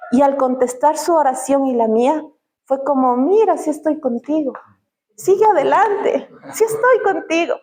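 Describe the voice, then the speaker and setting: Ecuadorian lady sharing her testimony at church, bit high-pitched, acts out the quotes. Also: warm tone. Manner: heartfelt, acts out quoted dialogue in higher voice. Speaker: church visitor giving testimony. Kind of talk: spoken personal testimony.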